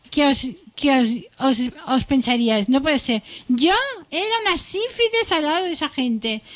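A woman in a casual group chat, rambling and straying from the topic. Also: high voice. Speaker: group participant.

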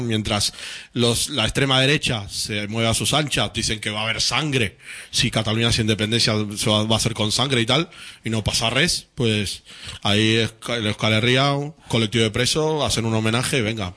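A man's voice: medium pitch, a little fast, pushed and bright. A man hosting a rock radio show, chatting informally and joking with his co-hosts. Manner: joking, informal, says "tío".

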